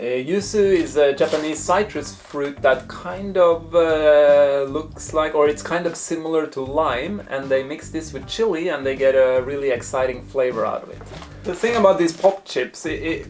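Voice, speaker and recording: A man's voice: a little high, moderate pace, darkish tone, faint music behind. Man giving a casual, hesitant snack review. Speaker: presenter of a snack taste-test video. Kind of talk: casual food review talk to camera.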